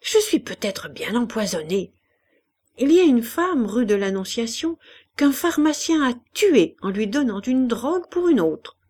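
A woman's voice: on the high side, very animated, measured pace, darkish tone, breathy edge, voice pushed up, heavily acted. A fawning, pious old woman, as a woman reader puts her on. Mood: wheedling. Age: older. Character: poor, bedridden old woman, wheedling and flattering.

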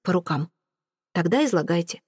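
A woman's voice: lowish voice, expressive, normal speed, a little mellow, slightly rough, no room sound, studio quality. A woman voicing a jovial male war journalist in an audiobook, bargaining in a breezy way. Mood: haggling. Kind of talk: audiobook character reading.

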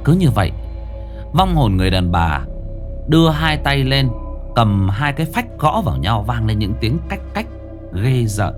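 Expressive male horror storyteller. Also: medium pitch, moderate pace, faint music behind. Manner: dramatic, expressive reading. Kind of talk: scripted horror narration.

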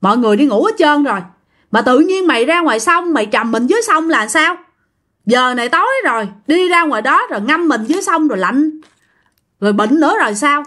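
Woman playing an old grandmother, scolding, quick, Southern Vietnamese accent. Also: sits high, animated, a bit bright, pitched above the performer's own voice. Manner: scolding, then coaxing.

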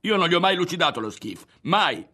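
A man reading a novel aloud and voicing an indignant, proud teenage boy who shouts back in defiance. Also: a little high, sing-song, brisk, voice pushed up, heavily acted. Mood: defiant shouting.

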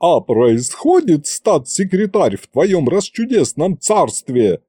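A man playing a shrill brash older woman, folksy, shouting, dry audiobook sound. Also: very animated, slow, breathy edge, no room sound, exaggerated voice. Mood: indignant. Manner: shouting, folksy dialect speech.

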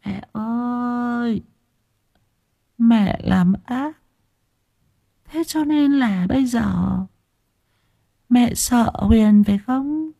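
A man's voice: very high-pitched, extremely slow, vocal fry, long pauses, mellow, pitched above the performer's own voice, heavily acted. A man voicing the ghost of a young woman who has possessed a little girl and calls for her mother in a pleading, sing-song way. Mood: creepy accusing.

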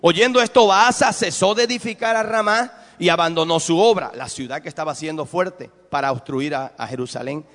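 A man's voice: a little high, a little fast, few pauses, a bit bright, long reverb tail. A man with a Mexican accent preaching a sermon as a pastor, asking his congregation rhetorical questions. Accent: Mexican Spanish. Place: church.

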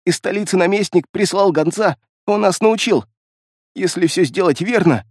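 A man's voice: sits high, normal speed, darkish tone, dry recording, clean studio sound, voice pushed up. A man playing a frantic crazed beast-man. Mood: babbling. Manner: frantic, pleading, babbling. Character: terrified, crazed male beast-man captive.

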